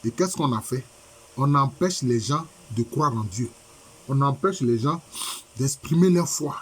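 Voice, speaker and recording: Over a video conference, a husky man delivers a sermon with a head cold that leaves his voice rough and a bit stuffy. He drives points home through repetition, emphasis, and rhetorical questions, speaking at a middling pitch with animation and a measured pace.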